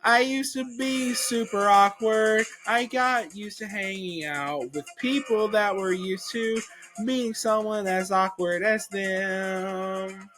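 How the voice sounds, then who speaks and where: Late-teen male singer, self-deprecating comic songs, slow phrasing, light music underneath. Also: high voice, a bit bright, low-quality recording. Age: late teens. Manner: self-mocking, confessional singing. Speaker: singer-songwriter. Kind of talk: comedic song performance. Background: faint music.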